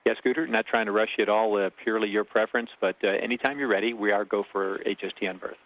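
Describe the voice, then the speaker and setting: Very fast-talking man over muffled space radio. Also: lowish voice, fairly even intonation, slight background noise. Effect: space-to-ground radio. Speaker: mission control radio communicator. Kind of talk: clipped procedural space radio communication. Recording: muffled, band-limited radio link.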